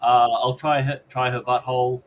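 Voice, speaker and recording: An Australian man hosts a live podcast in a relaxed, crude and deadpan way. He reads out chat messages and tosses off jokes. Faint background noise sits under his voice. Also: mid-range voice, normal speed, dull audio. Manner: crude joking, deadpan asides. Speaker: podcast host. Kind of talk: casual live-stream chat, reading chat messages.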